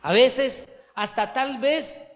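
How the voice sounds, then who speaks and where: A man's voice: very high voice, drawn-out words, a bit bright. A man preaching a sermon as pastor to his church, emphatic, repeating key words and asking the congregation questions. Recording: long hall reverb.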